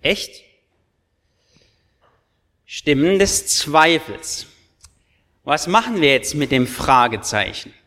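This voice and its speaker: A man's voice: a little high, big pitch swings, slow pace, a bit bright. A male pastor preaching a sermon to confirmands, earnest and emphatic, speaking directly to his listeners. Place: church. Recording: long church reverb.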